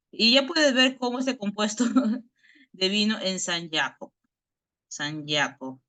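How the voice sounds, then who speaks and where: Over a video call, a Bible study teacher gives an explanatory lesson in a medium-pitched voice that sounds pushed and bright. Almost every phrase gets a questioning "right?" tacked on, and words are frequently restarted mid-thought.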